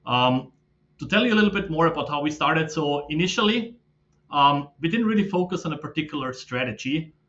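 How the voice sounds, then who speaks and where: Man, 30s, bright forceful tone, steady explanations, slightly dull lo-fi sound. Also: on the high side, brisk. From Austria. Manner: steady, explanatory, with frequent fillers. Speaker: guest, fund manager. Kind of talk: casual interview talk.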